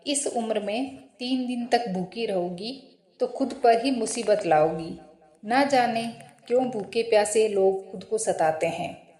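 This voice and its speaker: A woman's voice: on the high side, unhurried, dark tone, natural voice. A woman voicing a scornful young wife. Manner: scornful, self-assured. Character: modern young wife, proud and dismissive. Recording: roomy echo.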